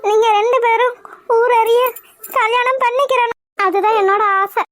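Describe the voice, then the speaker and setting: A worried, tearful mother, voiced by a woman in a cartoon, pleading in a very high voice. The sound is close and dry. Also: steady tone, normal speed, no room sound. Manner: pleading, emotional. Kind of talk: cartoon voice acting.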